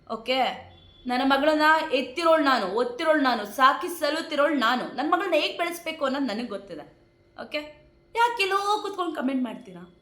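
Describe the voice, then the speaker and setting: A woman's voice: high-pitched, fairly bright tone. Indignant Kannada woman in an echoey room. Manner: indignant, repeats points with rhetorical questions. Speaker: vlogger answering critics. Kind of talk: emotional direct-to-camera talk.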